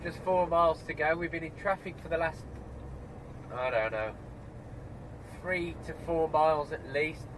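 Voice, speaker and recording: This truck driver's voice is on the high side; he's unhurried and pauses often. Nose stuffed up from a cold, he gives casual driving vlog commentary to the camera from his cab, grumbling at other road users while road and engine noise carry through the cab.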